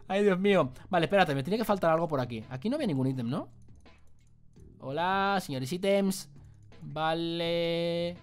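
A man's voice: fairly high pitch, normal speed, soft background music. A man with an accent from Spain, giving jokey gameplay commentary and muttering to himself as he plays. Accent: Spain Spanish. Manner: jokey, exclaiming, muttering to himself while playing. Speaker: gaming youtuber.

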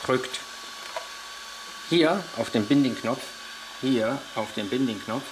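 A man's voice: mid-range voice, takes it slowly, background noise. A man giving a hands-on tutorial on a model truck, explaining each step while he handles the parts, with frequent hesitations. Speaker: RC model reviewer.

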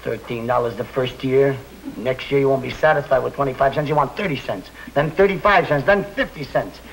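A man's voice: medium pitch, brisk, creaky, lightly acted. An actor playing a grumpy, put-upon father in a 1950s television sitcom, complaining in exasperated, piled-up lists. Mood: grumpy ranting. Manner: exasperated, complaining, building lists for comic effect. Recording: noisy 1950s TV soundtrack.

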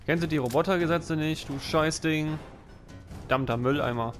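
A man's voice: fairly high pitch, moderate pace, soft background music. A man giving casual let's play commentary, muttering to himself and swearing now and then. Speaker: let's player.

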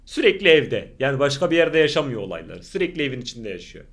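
A man reacting to horror clips, jumpy, swearing oaths, shrieking at scares and then hushing himself. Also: mid-range voice, big pitch swings, fast. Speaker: YouTuber reacting to horror videos. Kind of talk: reaction commentary.

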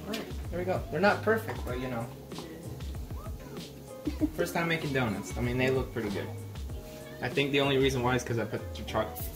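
Speaking fairly quickly and pausing often, this young man has a mid-range voice. He's a vlogger filming a casual cooking video in his home kitchen, rambling in a goofy, self-deprecating way. The camera is held a few steps off, leaving the audio echoey and far from the mic, with loud background music.

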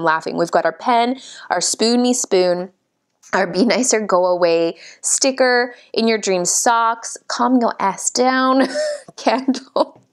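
A woman chatting casually as she unboxes a subscription box, amused and laughing often as she reads out each item. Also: mid-range voice. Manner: amused, giggly, reads items out. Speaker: unboxing vlogger.

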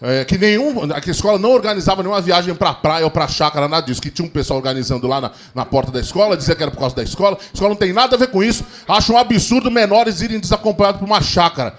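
A middle-aged man doing a stand-up comedy routine, telling animated stories full of acted-out quotes. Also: high-pitched, very fast, hardly any pauses. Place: comedy stage before a live audience. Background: audience laughter.

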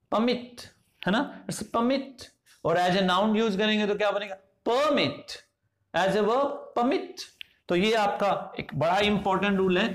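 A man with an Indian accent teaching English phonetics. He goes slowly and deliberately, asking questions and answering them himself. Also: sits high. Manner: slow, deliberate, asks and answers his own questions. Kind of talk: classroom-style lesson explanation.

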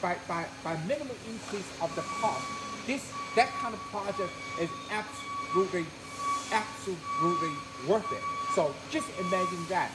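A middle-aged man, giving a live walkthrough of a warehouse, halting with many fillers and repeated words. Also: sits high, wildly swooping pitch, loud music behind the voice. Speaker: company executive giving a tour. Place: large warehouse, indoors. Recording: noisy warehouse ambience.

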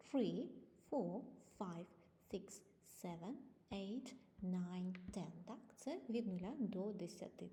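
Woman, teacher, patient, clear drills, mellow tone. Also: mid-range voice. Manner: patient, clear, slow model pronunciation of English words. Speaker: English teacher. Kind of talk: online language lesson. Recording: long reverb.

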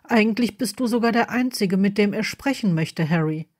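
A woman's voice: medium pitch, animated, normal speed, close to an everyday voice. A woman voicing a stern but kind older headmistress who speaks formally and urgently.

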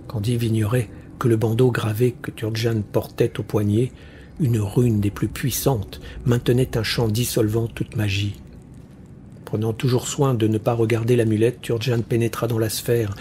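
A man narrating a fantasy story for an audiobook in a measured, deliberate way. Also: lowish voice, little pitch movement, warm tone, a little hiss or hum.

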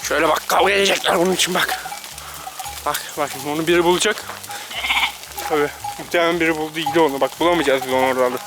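A man's voice: a little high, steady tone, rapid-fire, pauses often. Chatty man calling out to his herd. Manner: chatty, coaxing and scolding the animals with repeated calls; joking asides to viewers. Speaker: vlogger herding livestock. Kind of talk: casual running commentary to camera. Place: outdoors on a pasture with animals. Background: background music and farm animals.

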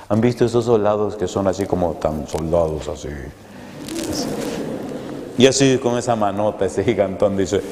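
A male preacher telling a sermon story in an animated, vivid way. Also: lowish voice, moderate pace. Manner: animated and vivid, acting out scenes. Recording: echoey hall, faint noise.

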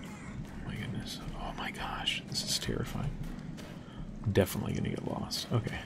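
A young man commentating a game casually, thinking aloud and dropping to hushed tones when nervous. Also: moderate pace, in a whisper. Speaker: gameplay commentator. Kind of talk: casual let's-play commentary.

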